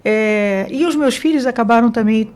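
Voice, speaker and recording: A woman from Mozambique, a business consultant, telling her career story as an interview guest in a relaxed way with fillers and self-corrections. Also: on the high side, moderate pace. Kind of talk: interview conversation.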